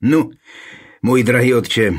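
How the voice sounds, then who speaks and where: A man's voice: medium pitch, lightly acted. A man voicing a spoiled, lying young man pleading and accusing in a raised, whining voice.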